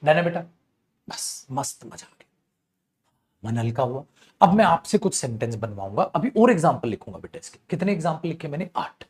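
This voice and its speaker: A Hindi-accented man, voice a little high and fairly quick, gives an online English grammar class, animated and scolding as he addresses students as beta.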